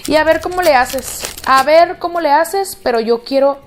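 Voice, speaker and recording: A man's voice: very high-pitched, moderate pace, slight background noise. A woman voicing a macho young father who harshly demands a baby boy, in a scolding tone. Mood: demanding.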